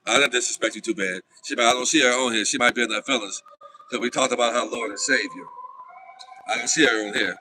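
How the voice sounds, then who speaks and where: A man hosting a livestream, talking straight to his viewers in an animated, casual way. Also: medium pitch, quick pace, poor audio. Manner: animated, talks to viewers directly. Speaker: livestream host.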